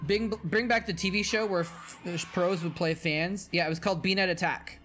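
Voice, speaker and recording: Tired-voiced after hours on stream, a former game caster chats casually over old matches, rambling and fixing his words as he reads chat aloud and answers. He speaks at normal speed in a high-pitched, steady, fairly bright voice, with slight background noise.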